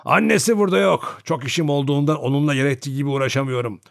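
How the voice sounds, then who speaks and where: A man's voice: on the high side, vocal fry, dry recording, clean studio sound, voice pushed up. A man playing a flustered old grandfather. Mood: apologetic. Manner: hurried, pleading.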